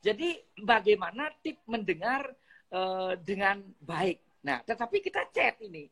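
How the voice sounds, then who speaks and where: A woman with a husky, lively voice that moves a lot in pitch. She speaks as a guest on an online talk, politely laying out her tips one by one. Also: measured pace. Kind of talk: instructional live chat. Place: online video call.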